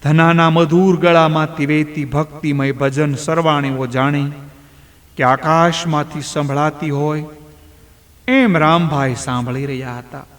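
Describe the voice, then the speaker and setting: A male storyteller narrates a devotional folk tale at a very slow, measured pace. His voice sits somewhat high, and a long hall reverb hangs on every word. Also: steady tone, fairly bright tone.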